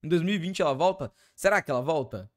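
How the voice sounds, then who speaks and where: A young man with a Brazilian accent, streaming and reacting excitedly with lots of slang and exclamations. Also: fairly high pitch, quick pace. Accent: Brazilian Portuguese.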